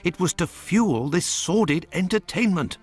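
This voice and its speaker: An actor playing a loyal, proper Victorian doctor in a video game, with a British accent and an earnest, expressive manner. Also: male voice, high voice, unhurried, slightly rough, soft background music, full character voice. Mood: clinical, grave.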